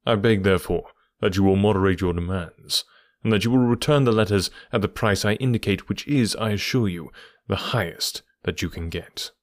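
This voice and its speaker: A man's voice: lowish voice, normal speed, dry recording, studio quality, natural voice. A man voicing a cool, composed male detective, speaking firmly and with restraint.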